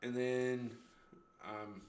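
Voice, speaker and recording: A man's voice: mid-range voice, level tone, very slow, darkish tone, reverberant, slight background noise. A man casually retelling a horror movie scene by scene, swearing freely and laughing at his own retelling.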